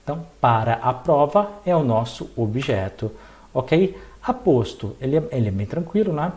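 A man's voice: medium pitch, moderate pace. A young man with a Brazilian Portuguese accent teaching a recorded exam-prep lesson, asking questions and answering them himself. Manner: lively, asks and answers his own questions.

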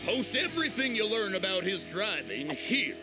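Folksy cartoon father, gruff and bossy, wildly swinging delivery. Music under. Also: sits high, very animated, normal speed. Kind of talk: cartoon voice acting.

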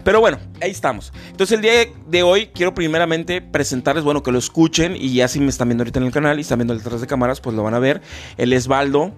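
A man's voice: a little high, quick pace. Guy hosting a podcast, rambly, lots of "pues" and restarts, faint music behind. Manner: rambling, many fillers and restarts. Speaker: podcast host. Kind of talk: casual chat.

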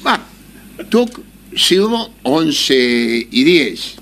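A man's voice: a little high, very animated, very slow, fairly bright tone. A man with an Argentine accent telling a casual anecdote, laughing often and acting out the voices of people in his story. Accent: Argentine Spanish.

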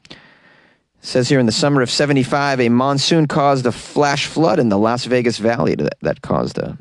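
A man's voice: mid-range voice, dry recording. A man hosts a comedy podcast in a very dry, close recording. He reads odd news casually, wry and mock-earnest, and drifts off into rambling asides.

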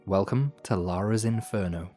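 A man hosting a podcast with scripted storytelling narration, in measured, dramatic phrasing with dry asides. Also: lowish voice, warm tone. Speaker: podcast host. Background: music.

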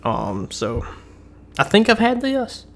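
A man's voice: high voice, wildly swooping pitch, takes it slowly. Chatty man rambling through a candy review. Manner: rambling and chatty, with frequent restarts and ums; eating and chewing while he talks. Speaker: host of a candy-rating show.

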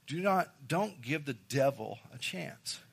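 A man's voice: on the high side, lively intonation, slow pace, gravelly, slightly rough. A man preaching a sermon as pastor, emphatic, repeating key phrases and addressing the congregation directly.

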